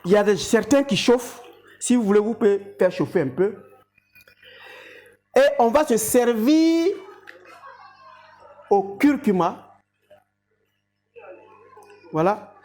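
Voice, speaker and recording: A woman speaks as a health educator in a mid-pitched voice. She explains things didactically and addresses her viewers directly, as in a practical demonstration. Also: animated, slow, long pauses, mellow.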